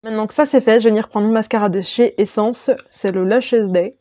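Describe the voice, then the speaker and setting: A woman's voice: on the high side, fairly even intonation, fast, mellow, no room sound, dull audio. A woman talking through her makeup step by step as a beauty vlogger, chatty and casual. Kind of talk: makeup tutorial voice-over.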